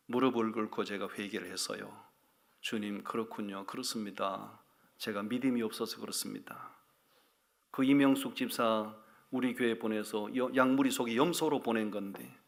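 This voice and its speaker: A man's voice: medium pitch, a bit bright. A male pastor delivers a sermon in a mid-range voice. He mixes folksy, humorous storytelling with direct appeals to the congregation.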